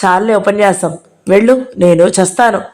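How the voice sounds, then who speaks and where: A woman's voice: medium pitch, moderate pace, a little mellow, natural voice. A woman voicing a bitter, furious young woman who talks in a scornful, defiant way in an audio novel. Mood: dismissive.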